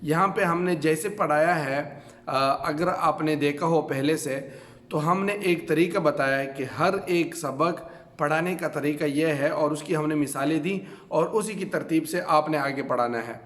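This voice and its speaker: A man's voice: on the high side, a bit bright. A man with a Pakistani Urdu accent teaching a reading lesson at a board, drilling questions and answers with frequent filler sounds. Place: classroom with a board. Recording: echoey room with long reverb.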